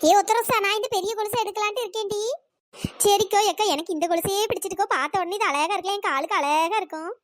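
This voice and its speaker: A squeaky haggling village auntie. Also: female voice, fast. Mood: chatty. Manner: chatty, haggling, easily offended. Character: plump village woman customer, bargaining, touchy. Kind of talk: cartoon voice acting.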